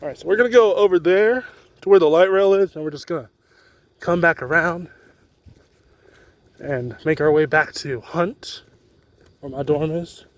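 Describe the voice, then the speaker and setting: A man's voice: on the high side, moderate pace, long pauses, no room sound. A young man chatting casually in an off-the-cuff, rambling walking vlog, recorded outdoors on a handheld phone. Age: young adult. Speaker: student vlogger. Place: outdoors on a campus street. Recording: faint outdoor street noise.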